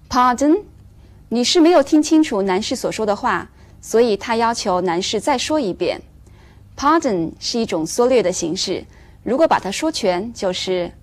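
A woman teaching English to Chinese learners in a recorded lesson, explaining clearly and measuredly and slowing down for the English examples. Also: fairly high pitch.

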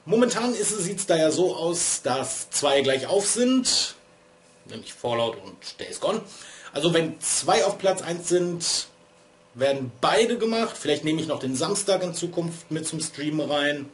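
At a measured pace, a slightly high, sing-song male voice carries casual vlog rambling over slight background noise. The speaker, a streamer in his thirties, sits in a small LED-strip-lit room at home, sounds a bit stuffy from a cold, and is chatty, tangential and self-deprecating.

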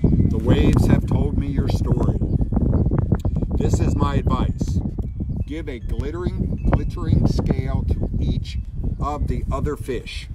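A man's voice: medium pitch, fairly even intonation, natural voice. A man doing a wise, solemn old octopus. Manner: slow, solemn and grave. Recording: loud wind and traffic noise.

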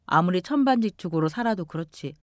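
A woman in her sixties narrating a family story in a calm, lamenting radio-drama style. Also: lowish voice, fast talker, no echo, clean studio sound. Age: 60s.

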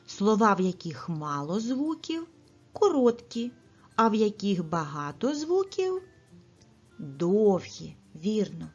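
A woman teacher giving a speech lesson to small children, saying each word slowly and carefully and pausing for their answers. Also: medium pitch, husky, highs cut off. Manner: slow, carefully articulated, pauses for children's answers. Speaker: preschool teacher.

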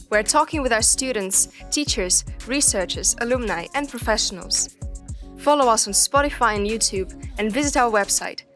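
Woman announcing a podcast intro over music. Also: fairly high pitch. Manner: even, promotional. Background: faint music.

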